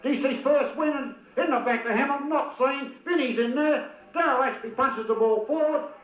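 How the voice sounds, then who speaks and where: On a tinny, echoing lo-fi old video, a man with an extremely high-pitched voice commentates on an amateur football match at normal speed. His commentary is blunt and partisan, and he heckles players by name.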